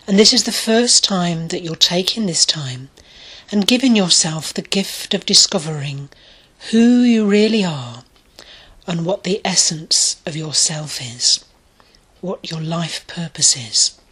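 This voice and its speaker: A woman leading a guided meditation in a soft, soothing voice that often drops to a breathy near-whisper. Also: on the low side, expressive, measured pace, rough recording. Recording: clear music bed behind the voice.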